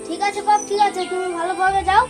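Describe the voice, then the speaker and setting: A worried old village father, acted by a performer in a rural drama, fussing and pleading with a young suitor. The voice is pitched extremely high for an old man. Loud music runs under every line. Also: flat delivery, fast. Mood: fretful. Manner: fussing and pleading, calls the groom son. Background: loud background music.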